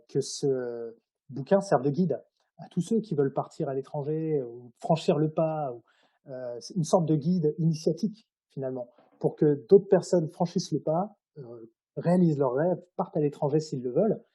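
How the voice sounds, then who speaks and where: A man's voice: on the high side, moderate pace, warm tone, slightly rough. A man speaking informally and hesitantly as an author being interviewed. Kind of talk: casual interview, telling anecdotes about his own writing.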